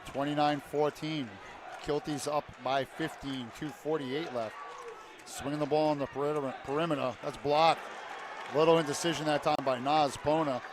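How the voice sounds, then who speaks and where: A man calling a high school basketball game play by play in short clipped phrases, rising to shouts on big plays. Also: steady tone, moderate pace. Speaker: play-by-play announcer. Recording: loud crowd and arena noise. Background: cheering crowd, bouncing basketball.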